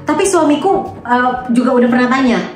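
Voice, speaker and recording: A woman guest gives her honest views in casual chat, laughing easily as she talks. She sits away from the mic. The room echoes, and music is clearly heard underneath her voice. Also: high voice, a little fast, far from the mic. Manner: laughing, candid.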